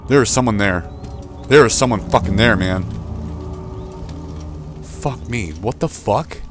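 A man's voice: on the low side, measured pace, soft background music. A young man commentating a horror game he is playing, swearing often and yelping in panic when monsters appear. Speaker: game streamer.

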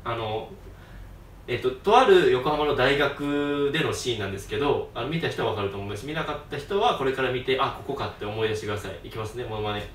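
関西なまりの若い男性ホストが、場面を声色で演じながら笑い混じりにくだけた調子で作品愛を語る。. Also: male voice, mid-range voice, quick pace, a little hiss or hum. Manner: excitable, acts out scenes in voices, laughs often. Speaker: host. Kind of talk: casual fan talk. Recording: roomy echo, distant mic.

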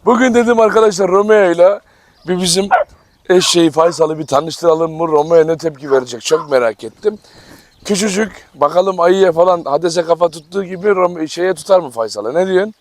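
A man's voice: fairly high pitch, a little fast. A man hosting a casual farm vlog, talking to viewers and coaxing his animals with fond, affectionate words. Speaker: dog farm vlogger. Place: outdoor farm yard with dog cages. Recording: outdoor noise with barking dogs. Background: dogs barking.

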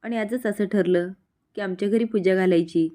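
A sly, sweet-talking village woman, as the narrator puts her on. She coaxes and flatters in an ingratiating tone, in the narrator's own middle pitch. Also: moderate pace, lightly acted. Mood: coaxing. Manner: coaxing, ingratiating.

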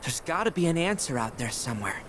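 A man's voice: on the high side, sing-song, fast talker, background noise. An actor voicing an earnest young male beast, the determined son of a fallen guardian, in a game cutscene. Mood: resolute.

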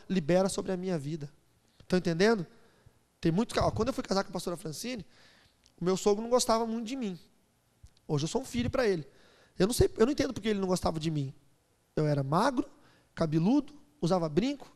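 Animated pastor preaching in a reverberant hall. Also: male voice, high voice. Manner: animated, playful, acts out voices, builds to loud preaching. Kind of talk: sermon with storytelling. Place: church hall.

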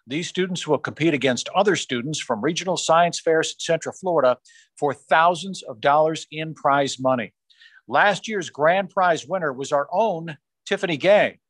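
A man formally reading out science fair award winners on a video call, rising in pitch on each school name. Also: a bit bright, breathy edge, no room sound. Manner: measured, formal announcing, rising on school names. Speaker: awards announcer. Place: small room on a video call. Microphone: video call microphone.

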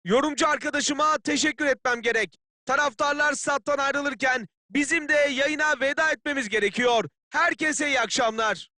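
An actor playing a keen football play-by-play announcer in a video game, calling the match in clipped phrases. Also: male voice, very high voice, normal speed, bright, forceful tone, no room sound, clean studio sound, exaggerated voice. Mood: composed.

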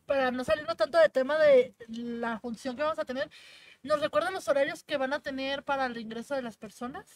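A female co-host, briskly steering the conversation back on topic. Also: sits high, dry recording. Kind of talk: casual podcast chat. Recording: voice a bit far from the mic.

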